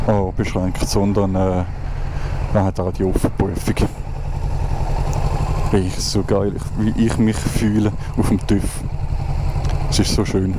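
A Swiss man in his twenties with a Swiss German accent, chatting casually as a motovlogger while riding through traffic, rambling with many restarts and fillers. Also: fairly low pitch. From Switzerland. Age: 20s. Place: outdoors on a motorcycle in traffic. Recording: road and wind noise behind the voice.

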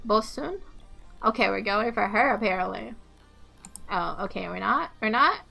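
A woman streaming a game live, excitable, laughing and swearing as she comments on each fight through her headset. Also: mid-range voice, normal speed, vocal fry, soft background music. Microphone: headset with headphones.

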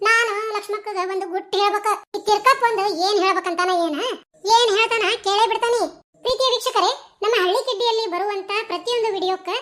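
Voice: extremely high pitch, pushed and bright. A channel creator with a North Karnataka Kannada accent, speaking directly to viewers in an earnest, pleading way. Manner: earnest, pleading, a light laugh.

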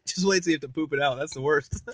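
A man's voice: on the high side, quick pace, fairly bright tone. A man laughing and teasing his in-law while filming him take a hot pepper challenge. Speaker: channel host filming the challenge. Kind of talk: casual chat.

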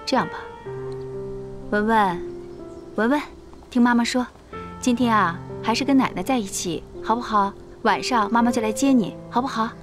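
An actress playing a patient young mother who talks gently and soothingly to her small child in a TV drama. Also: fairly high pitch, normal speed, pauses often, over music, close to an everyday voice. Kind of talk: TV drama acting.

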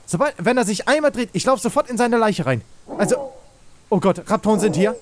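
Ein Mann, der aufgeregt ein Spiel kommentiert, in Panik ruft und fleht und viel Jugendslang benutzt. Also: male voice, high voice, a little fast, slight background noise. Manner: excitable, shouts and pleads in panic, youth slang. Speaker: let's play host. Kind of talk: excited gaming commentary.

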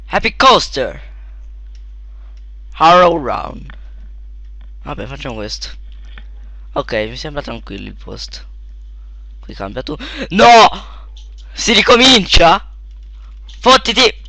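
A young man giving casual let's play commentary, shouting at sudden deaths and then muttering quietly to himself, close to a desk mic. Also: takes it slowly, gravelly, long pauses, no echo. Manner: excitable, yelps and shouts at in-game deaths, then mutters low.

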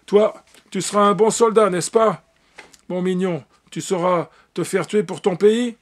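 A man's voice: sits high, a little slow, pitched above the performer's own voice. A man voicing a stern, hostile village stepmother in an audiobook reading. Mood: falsely sweet.

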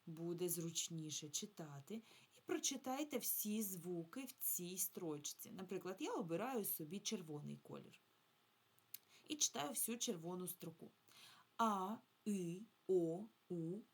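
A woman teaches young children to read in a slow, patient lesson. Her voice sits low and a little husky. She stretches out each sound and syllable so the class can follow. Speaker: primary school teacher.

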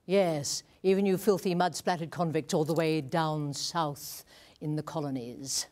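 A woman's voice: low-pitched, fairly even intonation, a little mellow. A woman voicing a haughty, crude old queen, delivering a pompous comic royal address. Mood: imperious. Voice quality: pompous, drawn-out regal delivery with sudden swoops. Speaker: advertising a play.

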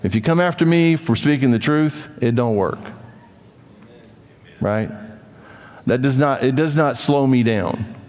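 A man preaching a church sermon as pastor, emphatic and animated, with offhand asides. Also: mid-range voice, unhurried, pauses often, long reverb tail. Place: church sanctuary.

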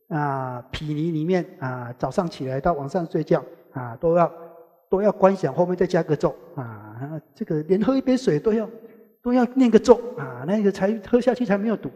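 A man giving a rambling Buddhist scripture lecture, opening many phrases with a drawn-out "ah" and chanting bits of mantras as he goes. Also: warm tone. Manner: chants mantras in passing, rising in pitch when making a point. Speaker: Buddhist teacher. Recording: long hall reverb.

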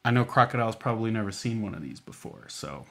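A library storytime host, an American man, talks fast and animatedly in a lowish, slightly bright voice. His manner with the children is folksy, informal and coaxing, full of check-in questions.

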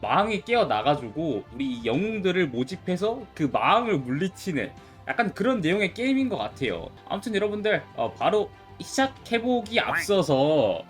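A man's voice: high voice, big pitch swings, moderate pace, faint music behind. A man doing casual, chatty let's play commentary, thinking aloud as he goes. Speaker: YouTube game streamer.

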